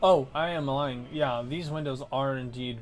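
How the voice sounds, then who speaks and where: A man's voice: mid-range voice, moderate pace, soft background music. A man acting as game master, narrating scenes and putting questions to players in a tabletop role-playing game.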